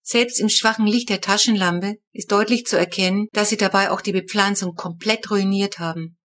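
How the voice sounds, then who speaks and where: A woman narrating a children's audiobook in the first person, with a lively, wry telling. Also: medium pitch, moderate pace.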